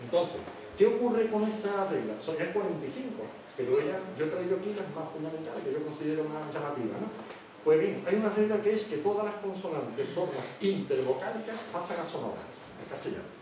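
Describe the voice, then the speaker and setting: Male lecturer, slightly high voice, keeps checking in with the crowd; distant mic, very echoey hall. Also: expressive, brisk. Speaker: teacher. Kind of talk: public lecture on word origins. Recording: echoey hall from far off, faint noise.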